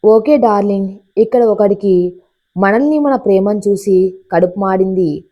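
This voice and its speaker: A woman's voice: medium pitch, moderate pace, dull audio, close to an everyday voice. A woman voicing a smug, teasing young man in a storybook reading. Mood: mocking. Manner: playful, mocking.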